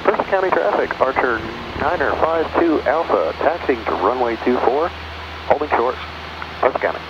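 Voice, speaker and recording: A man's voice: medium pitch, expressive, moderate pace. A man making clipped aviation position calls over a crackly aircraft radio. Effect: crackly aircraft radio transmission. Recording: muffled crackly radio, loud engine noise.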